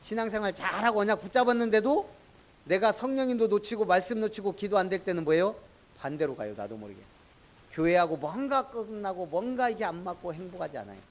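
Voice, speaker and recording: Pastor, middle-aged man, higher-pitched voice, chatty sermon delivery that quizzes the congregation by name. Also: expressive, fast talker. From Jeolla, Korea.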